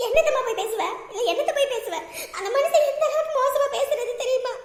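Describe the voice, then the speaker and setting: A woman's voice: very high-pitched, fast talker, noisy background. A woman playing a bitter married daughter who sarcastically blames her family for her ruined life, in a comedy skit. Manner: scolding, accusing, sarcastic. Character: bitter wronged married daughter, sent away by her husband. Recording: echoey room with long reverb.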